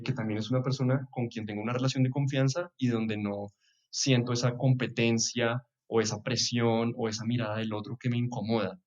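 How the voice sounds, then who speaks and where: A man's voice: medium pitch, highs cut off. A young man from Bogotá with a Bogotá Colombian accent, a podcast guest chatting in a reflective way and chuckling now and then. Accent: Bogotá Colombian Spanish. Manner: reflective, chuckles often, trails off with soft asides. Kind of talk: casual chat.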